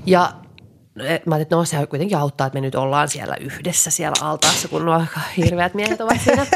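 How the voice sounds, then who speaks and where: A woman co-hosting a podcast, telling a story in an animated way, with loud bursts and low muttered asides. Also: vocal fry, background noise. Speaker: podcast co-host. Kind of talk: casual chat.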